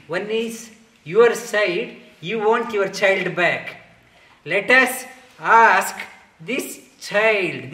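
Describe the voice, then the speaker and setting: A man puts on a wise old sage who speaks slowly and reasons things through, his bright voice lifting on key words. The room adds a noticeable echo. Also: high voice, distant mic, full character voice. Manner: measured, explaining.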